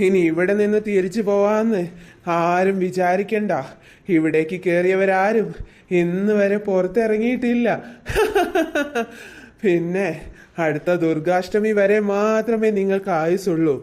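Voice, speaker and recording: A performer voicing a vengeful female ghost in a cartoon story, threatening in a slow voice broken by eerie laughter. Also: mid-range voice, a little mellow, close to an everyday voice. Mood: menacing.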